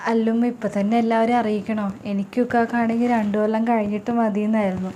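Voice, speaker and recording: A meek young daughter-in-law acted by a woman who talks fast and hesitantly. Her voice sits fairly high, over clear background noise in a home comedy skit. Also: little pitch movement, mellow, close to an everyday voice, poor audio. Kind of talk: comedy sketch acting.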